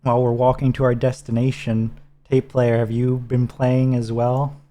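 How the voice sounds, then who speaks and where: A man co-hosts a game stream in relaxed, instructive chat. His voice sits dark and mellow, patiently talking a teammate through menus. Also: medium pitch, normal speed. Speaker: streamer co-host. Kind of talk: casual gameplay chat.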